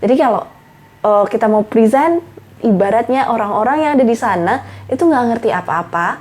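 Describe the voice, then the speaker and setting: A woman's voice: a little high, lively intonation, normal speed, darkish tone. A young woman talking casually to camera, giving public speaking tips and calling herself by her own name. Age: young adult. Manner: chatty, refers to herself by name, mixes in English phrases. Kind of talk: casual tutorial talk to camera.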